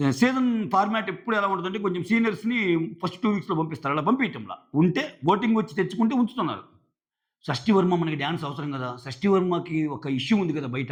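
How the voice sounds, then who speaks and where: A man talks quickly in a high, lively register, giving casual commentary on a reality show. He chats conversationally and slips into quoted lines as he retells them. The sound is dull and lo-fi.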